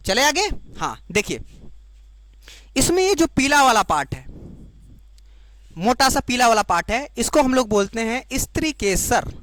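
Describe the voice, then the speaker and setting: Woman teacher repeating terms slowly. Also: fairly high pitch, big pitch swings, a bit bright, no echo. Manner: repeats each term slowly, then asks checking questions; explains in Hindi, giving the English term for each. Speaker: biology teacher. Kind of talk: classroom lecture to board-exam students.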